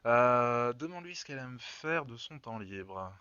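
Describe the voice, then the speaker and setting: A man's voice: mid-range voice, animated, moderate pace, sharp tone, clean tone, no echo. A man hosting a let's play, joking, laughing and thinking aloud as he picks choices. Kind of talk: casual gameplay commentary. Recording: dull lo-fi sound.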